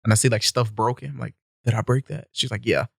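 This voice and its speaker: A man's voice: mid-range voice, fairly even intonation, fast talker, vocal fry, slightly rough, no echo, clean studio sound. A young man, a podcast guest, telling stories in a loose, laid-back way, laughing often. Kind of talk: casual storytelling. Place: podcast studio.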